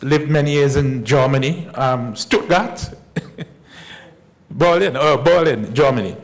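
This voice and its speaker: A man lectures as a historian at a conference. His voice sits a touch high, with a gravelly edge. He speaks in a measured way and repeats key points slowly. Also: a little hiss or hum, low-quality recording. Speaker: historian giving a conference talk. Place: conference hall.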